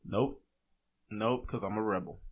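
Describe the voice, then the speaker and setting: A man's voice: fairly low pitch, a little slow. A man with a velvety voice chatting casually and playfully as a podcast guest, with slangy swearing. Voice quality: velvety smooth voice. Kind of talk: casual chat.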